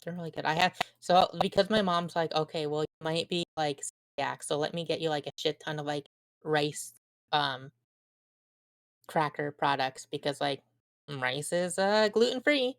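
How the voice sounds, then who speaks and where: A woman's voice: sits low, normal speed, creaky, no room sound. A young woman chatting casually and rambling, full of likes and ums. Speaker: streamer guest. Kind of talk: casual chat.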